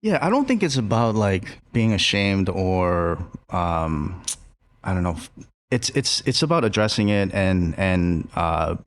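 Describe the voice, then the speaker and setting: A chef and restaurant co-owner talking in a casual podcast conversation, reflective and halting with many fillers and restarts. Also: male voice, sits low, sing-song, dry recording.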